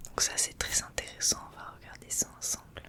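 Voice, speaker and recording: A woman's voice: a little fast, pushed and bright. A woman hosting an ASMR unboxing, speaking in a whisper and soothingly addressing the listener directly. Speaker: ASMR video host.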